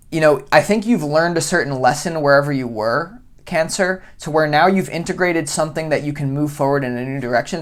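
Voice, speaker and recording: Chatty, rambling tarot reader. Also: mid-range voice. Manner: chatty and goofy, rambling with many "like"s. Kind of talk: casual tarot reading to camera.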